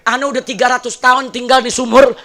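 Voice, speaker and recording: A man voicing an ancient male jinn who lives in a well, loud and exasperated. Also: very high voice, little pitch movement, quick pace, voice pushed up, heavily acted.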